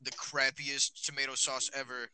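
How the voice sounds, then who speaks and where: A teenage guy hosts a loose podcast chat with his friends, recorded on a phone. His voice is very bright and ringing, and he talks in rambling bursts full of "like" and false starts. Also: medium pitch, level tone, moderate pace, slight background noise, low-quality recording. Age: teens. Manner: rambling, many fillers. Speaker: podcast host. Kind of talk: casual chat.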